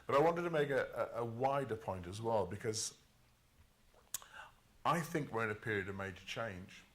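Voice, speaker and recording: A man giving measured, emphatic remarks as a panelist at a conference. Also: lowish voice, animated.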